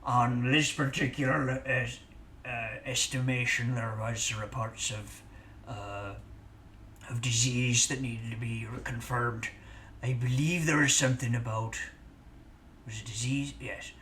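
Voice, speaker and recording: A man voicing a self-righteous male station official in a put-on accent that keeps drifting toward a pirate voice, officious with hushed asides. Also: medium pitch, steady tone, a little slow, a little hiss or hum.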